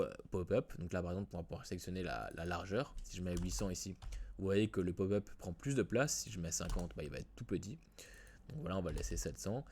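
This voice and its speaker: Low-voiced man talking through a tutorial. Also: darkish tone. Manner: casual, many fillers and restarts. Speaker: WordPress tutorial host. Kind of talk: screen-recorded software tutorial.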